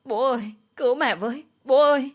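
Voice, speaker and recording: A woman's voice: a little fast, husky. A woman doing a crying little boy. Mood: pleading. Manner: high, loud, pleading. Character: small boy crying for his mother.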